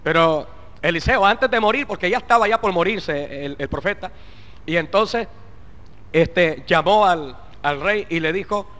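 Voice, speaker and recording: A man preaches a fervent sermon in a high, ringing, bright voice, sprinkling in hallelujahs as he goes. He swings from urgent exhortation down to soft muttered asides, and a long hall reverb trails behind each phrase. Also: animated, a little slow. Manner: fervent preaching, with frequent interjected "aleluya" and "bendito Cristo". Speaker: pastor.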